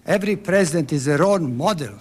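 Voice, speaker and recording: A man's voice: on the high side, lively intonation, quick pace, breathy edge. Serbian-accented man making formal remarks. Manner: earnest, formal, stumbling at times. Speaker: audience member asking a question.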